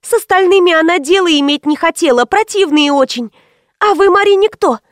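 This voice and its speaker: A woman's voice: extremely high pitch, fairly quick, no room sound, clean studio sound, voice pushed up. A woman narrator voicing a frightened, naive young woman who squeals and pleads in a thin, panicky voice. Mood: anxious, pleading. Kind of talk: audiobook character voice.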